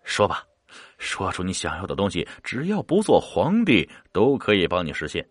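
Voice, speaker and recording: A man's voice: deep voice, huge pitch swings, normal speed, no room sound, exaggerated voice. A man voicing a bloodthirsty bottle ghost. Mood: menacing. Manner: menacing, coaxing.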